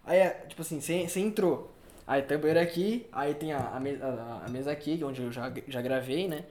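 Fairly high in pitch and a little fast, a young Brazilian man hosts a podcast in a casual chat. His storytelling is animated and full of slang, with quotes acted out, and his Brazilian Portuguese accent comes through in an echoey room.

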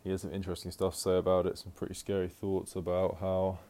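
A man's voice: low-pitched, completely flat delivery, fast, warm tone. A man hosting a casual solo podcast from home, rambling with lots of fillers and restarts while he moves around the house. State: out of breath. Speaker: podcast host.

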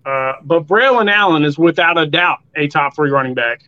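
A man's voice: on the high side, animated, normal speed, dry recording, muffled recording. A man on a sports podcast panel giving casual, opinionated football commentary.

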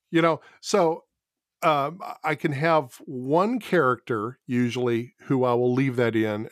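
A man's voice: medium pitch, no echo. A man talks easily as a guest on a podcast, laughing at his own speech habits. His voice sits in a middle register. It is recorded close and dry, with no room sound. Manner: chuckles often, mocks his own verbal habits. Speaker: guest author. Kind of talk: casual podcast chat.

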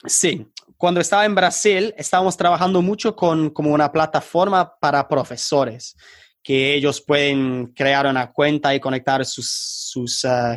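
This podcast guest, an online tutor and startup founder from England, talks in Spanish with an English accent, halting and groping for words in a relaxed interview as a non-native speaker. His mid-range voice is captured in studio quality with no echo.

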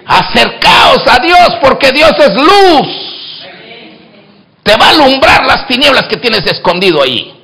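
A pastor preaches a sermon in church, his voice on the high side. He swings from hushed asides to loud exclamations and acts out both sides of the dialogues he recounts.

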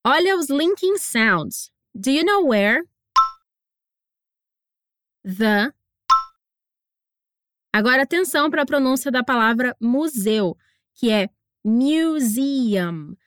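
High-voiced woman teaching English. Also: animated, a bit bright, no echo, clean studio sound. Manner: encouraging, slow deliberate pronunciation drills. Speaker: English teacher and podcast host. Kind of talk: scripted language lesson narration.

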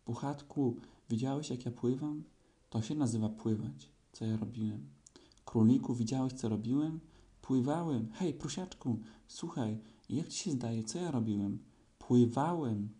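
A man voicing an excitable, boastful little boy kangaroo in a storybook reading, eager and repeating himself. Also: mid-range voice, a little slow, natural voice.

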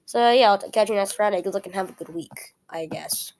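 A woman's voice: mid-range voice, darkish tone, slight background noise. Young woman with a weak, sick voice. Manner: halting, self-correcting, apologetic. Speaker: student podcast host. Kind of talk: casual solo podcast talk. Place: at home.

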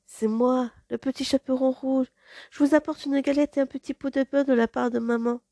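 A woman voicing a little girl in a storybook tale, in a high, childlike tone. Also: steady tone, normal speed, warm tone, dry recording, clean studio sound. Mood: polite.

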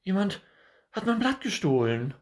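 A man voicing an anxious, excitable little squirrel in a children's storybook, shrill and loud. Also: a little slow. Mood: frantic. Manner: shrill, frantic, loud exclaiming. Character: anxious excitable squirrel, male, small, frets.

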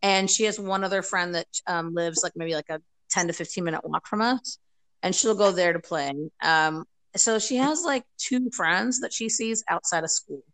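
A woman's voice: on the low side, normal speed, a bit bright, rough recording. Chatty American-born woman on a call. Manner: chatty, rambling, many fillers. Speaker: podcast guest. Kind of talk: casual chat. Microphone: video call.

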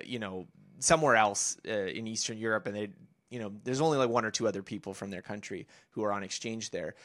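With a fairly bright, mid-range voice, this man in his thirties appears as a podcast guest and recounts a lengthy story. The chat is casual, full of filler words and false starts.

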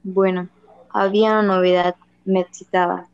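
A woman's voice: fairly low pitch, moderate pace, clear, resonant tone, dry recording, muffled recording, natural voice. A woman voicing a weary, evasive old husband. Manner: tired, flat, dodging answers. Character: weary evasive husband of fifty-six, man. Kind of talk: audiobook dialogue reading.

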